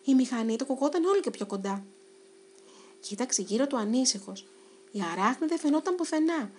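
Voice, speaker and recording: Lady reading a kids storybook, lively and dramatic, kinda high voice. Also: a little hiss or hum. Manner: expressive, dramatic pacing. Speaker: narrator. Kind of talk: children's storybook narration.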